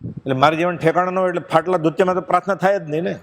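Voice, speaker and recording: Man, devotional discourse, fairly high voice, long hall reverb. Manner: expressive storytelling, recites verses slowly. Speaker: spiritual discourse speaker. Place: pilgrimage satsang gathering.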